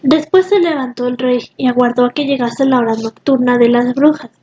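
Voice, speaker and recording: High-voiced woman narrator, steady storybook reading, muffled lo-fi recording. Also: brisk, slight background noise. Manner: steady reading with occasional restarts. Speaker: reader of an audiobook. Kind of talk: reading a classic story aloud.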